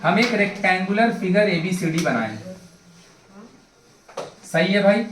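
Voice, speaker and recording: Man, math tutor, chatty classroom lecture, high voice, off-mic. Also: sing-song, slow, echoey room, recorded from a distance, background noise. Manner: chatty, joking, addresses students in a familiar way.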